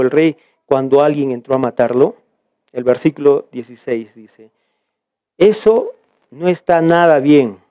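A man's voice: a little high, dark tone, no echo, dull audio. A man from Peru leading a church Bible study, reading scripture aloud and explaining it with frequent restarts.

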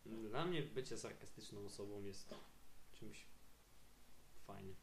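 A man's voice: lowish voice, reverberant, slight background noise. A teenage boy co-hosting a casual podcast chat with a dry, sarcastic manner. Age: teens. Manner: dry, sarcastic, quick jokes. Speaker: podcast co-host, student.

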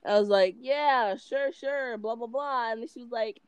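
A woman's voice: on the high side, normal speed, clean tone, no room sound. A young woman co-hosting a podcast, chatting casually in a playful, dramatic way. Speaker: podcast co-host. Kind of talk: casual chat.

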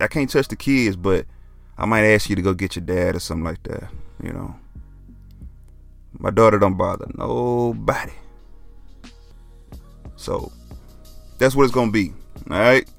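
A man's voice: lowish voice, normal speed, creaky, long pauses, a bit bright, soft background music. A young man, talking casually as a podcast host, laid-back and joking, often dropping "man". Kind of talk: casual solo podcast talk.

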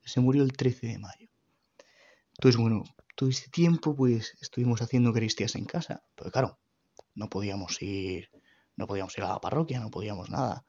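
Man, husky voice, halting earnest testimony, muffled lo-fi sound. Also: on the low side, warm tone. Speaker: grieving son giving testimony. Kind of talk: personal faith testimony.

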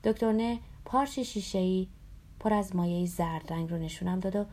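A woman narrating a memoir aloud in a calm, somber storytelling voice, sometimes dropping to a whisper. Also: mid-range voice.

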